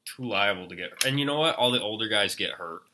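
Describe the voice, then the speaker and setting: A man in his twenties, a podcast guest talking in a relaxed, casual way, often laughing and calling his friend "man" and "dude". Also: lowish voice, fast talker, slight background noise. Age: 20s. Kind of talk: casual chat.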